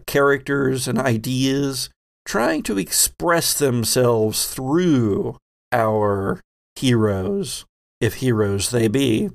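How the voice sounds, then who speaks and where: As the host and game master of a tabletop game podcast, a man narrates dramatically, leaving deliberate pauses. He speaks in a mid-range voice touched by vocal fry.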